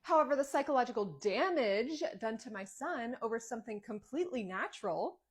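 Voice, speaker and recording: A woman's voice: on the high side, animated, fairly quick, slightly rough, voice pushed up. A woman playing an entitled school mom who talks in a demanding, indignant way.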